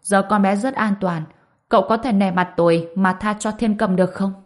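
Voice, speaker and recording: A woman voicing a calm, powerful older man in an audiobook, measured and regretful. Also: medium pitch, close to an everyday voice. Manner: sighing, measured.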